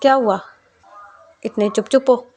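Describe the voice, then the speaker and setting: Woman doing a defensive young girlfriend in a storybook, pleading, slightly high. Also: fairly even intonation, unhurried, a little mellow.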